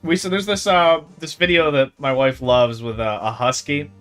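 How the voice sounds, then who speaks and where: A man's voice: medium pitch, normal speed, fairly bright tone, soft background music. A man casually commenting on a video game he plays with his wife, joking and laughing often. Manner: playful, jokey, laughs often. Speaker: let's play host. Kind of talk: casual gameplay commentary, reading dialogue aloud.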